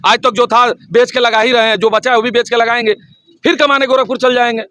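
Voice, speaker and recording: Middle-aged man, high-pitched, fiery candidate voice, punchy rhetoric, slogans on repeat. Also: steady tone, quick pace, bright, forceful tone, slight background noise. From Siwan district, Bihar, India. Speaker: local election candidate. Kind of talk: impassioned campaign interview.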